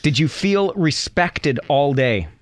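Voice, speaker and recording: A man co-hosting a morning radio show, teasing his co-host and running a quiz in an animated way from a studio mic. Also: on the high side, takes it slowly, dry recording.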